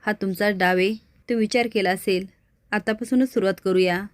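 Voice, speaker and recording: Woman reads a defiant young man, firm and accusing, quick delivery, dry close sound. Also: mid-range voice, steady tone, dry recording, natural voice. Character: young man standing up to a scheming rich woman.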